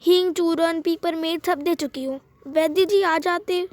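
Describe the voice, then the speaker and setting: A woman reading the lines of a worried mother of a sick young boy, slowly and soothingly. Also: very high-pitched, fairly even intonation, no echo. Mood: anxious, soothing.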